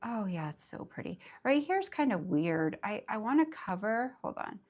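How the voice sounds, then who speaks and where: A woman with a raspy voice, under the weather, teaching nail art in a bubbly, chatty live tutorial. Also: medium pitch, very animated, moderate pace, muffled recording. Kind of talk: casual live tutorial chat.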